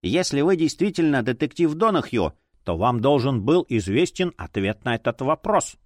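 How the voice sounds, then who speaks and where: A man voicing a quick-witted young woman who is a living porcelain doll, in an audiobook, speaking politely and composedly in a slightly raised voice. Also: mid-range voice, very animated, dry recording, clean studio sound, lightly acted. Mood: cool, evasive. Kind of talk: audiobook character voice.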